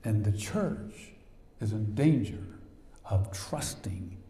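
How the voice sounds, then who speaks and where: A man preaching a sermon as pastor, telling a story with lively sound effects and swings in energy. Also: lowish voice, slow pace. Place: church sanctuary. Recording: echoey church hall.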